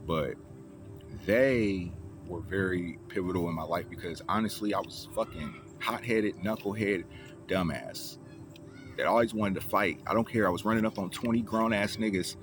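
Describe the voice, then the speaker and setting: Loud music plays behind a young vlogger as he recounts his life, swearing casually, wandering off track, and restarting many times. He speaks in a low voice at a moderate pace.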